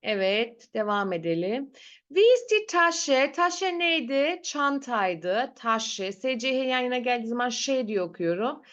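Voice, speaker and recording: A woman's voice: on the high side, sing-song, measured pace, a bit bright, dull audio. A woman teaching a language class, patiently repeating words and drilling pronunciation in an online lesson. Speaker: German teacher. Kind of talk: slow teaching with repetition.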